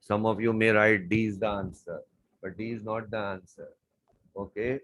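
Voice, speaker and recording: A man's voice: on the low side, little pitch movement, normal speed, a bit bright, low-quality recording. A man tutoring chemistry, walking through exam questions step by step and repeating key words. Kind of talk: exam paper walkthrough lesson.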